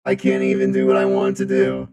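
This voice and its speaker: This guy streams with his voice run through a deep, booming, metallic robot effect, chatting loosely, rambling, and repeating phrases. He speaks monotone and fairly quickly, with a warm tone.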